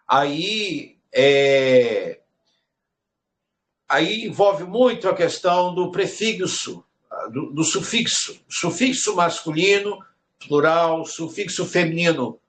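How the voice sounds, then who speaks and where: A man teaching a Hebrew lesson, slow and repetitive. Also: on the high side, lively intonation. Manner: slow, repeats words while explaining. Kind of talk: recorded online lesson.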